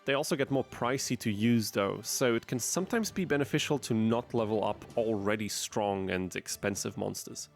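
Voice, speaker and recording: A man's voice: fairly low pitch, moderate pace, vocal fry, few pauses, soft background music. Man narrating gameplay with wry asides. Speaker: gaming video narrator. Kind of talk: scripted gameplay commentary.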